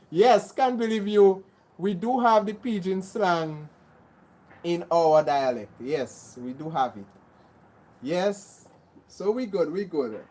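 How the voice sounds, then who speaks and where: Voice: mid-range voice, slow pace, long pauses, a little mellow, rough recording. A livestream host with a Grenadian accent, chatting casually and greeting and thanking viewers by name, often repeating herself.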